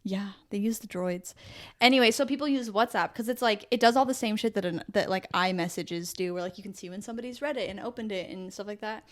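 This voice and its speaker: A woman's voice: medium pitch, quick pace. A young adult woman co-hosting a podcast, telling stories in rambling casual chat, often laughing and correcting herself. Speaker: podcast co-host.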